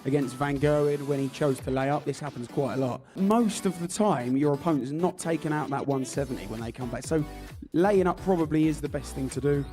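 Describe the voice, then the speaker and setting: A man's voice: fairly high pitch, fairly quick, few pauses, dark tone, soft background music. A man presenting darts, talking through tactics in a chatty way, thinking aloud with small restarts. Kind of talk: explaining darts tactics to camera.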